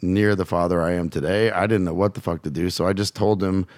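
A man's voice: deep voice, steady tone, fairly quick, darkish tone, dry recording. A man from Louisiana, a podcast guest who coaches fathers, telling a personal story bluntly and swearing freely. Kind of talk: candid storytelling.

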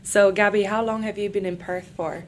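A woman's voice: mid-range voice, steady tone, fairly quick. A young woman from Sweden hosting a casual chat, talkative and laughing often. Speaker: host. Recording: faint background noise.

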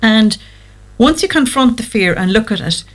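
A woman's voice: a little high, animated, normal speed. A woman speaking as a guest therapist, giving explanatory advice in an interview. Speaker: guest anxiety therapist on a show.

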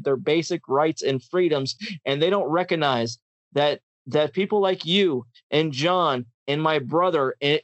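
Male podcast host, impassioned ranter, slightly high voice, dry recording. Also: dry recording, lo-fi sound. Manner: ranting, impassioned, repeats words and restarts. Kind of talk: casual podcast chat.

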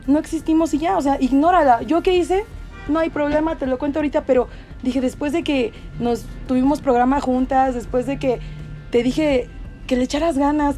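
A woman's voice: high voice, mellow. A Mexican woman chatting expressively as a podcast guest, telling gossip and opinions. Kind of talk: casual chat.

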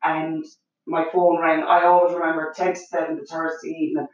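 A woman's voice: low voice, monotone, a little fast, lo-fi sound. A middle-aged Irish woman, a guest on her daughter's show, telling a story at length with many remembered exchanges. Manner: vivid, run-on storytelling with many quoted exchanges. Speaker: guest, the host's mother. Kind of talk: emotional storytelling in casual chat. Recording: echoey room.

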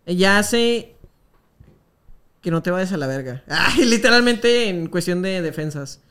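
A speaker in their twenties with a Mexican accent, co-hosting a podcast in casual banter, rambling excitably with plenty of slang and swearing. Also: mid-range voice, measured pace.

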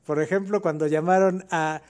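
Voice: medium pitch, steady tone, moderate pace, darkish tone. A podcast co-host with a Mexican accent, explaining history in a casual chat with colloquial asides.

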